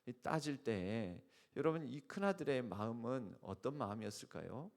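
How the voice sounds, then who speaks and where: A man's voice: medium pitch, expressive, normal speed, vocal fry. A male pastor preaching an early-morning sermon, emphatic and explanatory, often putting rhetorical questions to the congregation. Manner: uses spoken fillers and restarts while explaining.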